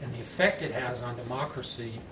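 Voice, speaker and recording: A man with an American accent speaking slowly and clearly as he moderates a public panel discussion. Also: medium pitch. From United States. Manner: slow, clearly enunciated, deliberate delivery. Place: conference panel room, indoors. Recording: echoey, noisy room, distant mic.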